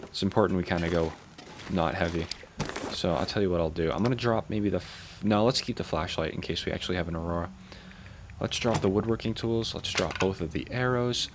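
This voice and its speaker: A man giving calm, unhurried game commentary, musing to himself in a low voice fresh from sleep. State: morning voice, recently woken. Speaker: gaming channel host. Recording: clear steady background ambience noise.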